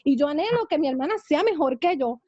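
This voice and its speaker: A woman's voice: high-pitched, lively intonation, fast, darkish tone, no room sound, muffled recording. A woman pastor teaching a church seminary class in a fervent preaching manner, often saying amen. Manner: fervent preaching, frequent amens.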